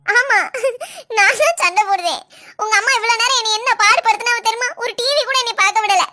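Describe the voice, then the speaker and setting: A woman voicing a sharp-tongued young wife in a family comedy skit, quick, sarcastic and indignant. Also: extremely high pitch. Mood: shrill.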